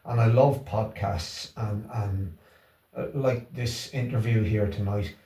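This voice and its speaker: Creaky, mellow man with a Wexford accent. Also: lowish voice, steady tone, slow pace. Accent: Wexford, Irish. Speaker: interview guest, Irish language class organiser. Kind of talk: casual conversational interview. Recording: roomy echo, distant from the mic.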